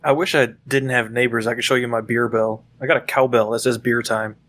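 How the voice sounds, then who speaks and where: A man's voice: mid-range voice, steady tone, brisk, fairly bright tone. A man co-hosting a gaming podcast, joking and rambling in casual chat. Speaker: podcast co-host.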